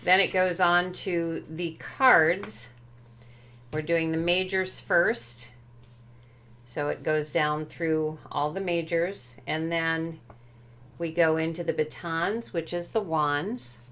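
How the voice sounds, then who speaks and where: A woman's voice: deep voice, steady tone, takes it slowly, a bit bright. A woman walking through a tarot deck and its book at home, speaking carefully and tentatively, often unsure how a word translates. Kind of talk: unhurried show-and-tell walkthrough.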